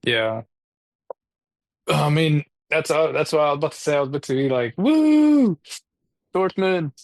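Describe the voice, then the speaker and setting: A man appearing as a guest on a casual football podcast, speaking in brief, laid-back replies while hoarse and clearing his throat. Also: on the high side, a little fast, no echo.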